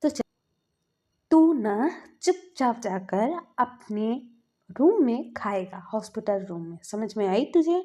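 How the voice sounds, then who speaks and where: A woman's voice: on the high side, big pitch swings, takes it slowly, mellow, full character voice. A woman voicing a bossy, protective older brother who orders his sibling around. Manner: bossy, commanding.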